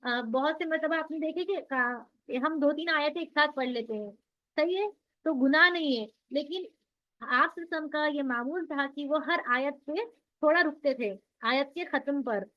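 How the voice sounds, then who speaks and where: On a dull lo-fi recording, a woman with a high voice teaches an online Quran recitation class a little slowly. She is patient in explaining and answers her own questions as she goes.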